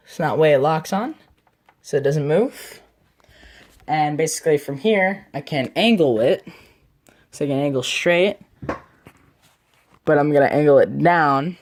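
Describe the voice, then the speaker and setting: A casual vlogger rambling through a computer desk setup, filmed on a phone in a small room. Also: mid-range voice. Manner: rambling, chatty, trails off mid-sentence. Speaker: channel host. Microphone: phone camera.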